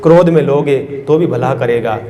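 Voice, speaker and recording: A man's voice: medium pitch, moderate pace, warm tone, slight background noise. A man, a saint, giving a devotional storytelling sermon. He acts out the characters' cries and turns to the listeners with asides. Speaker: saint giving a religious discourse. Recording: reverberant hall, faint background music.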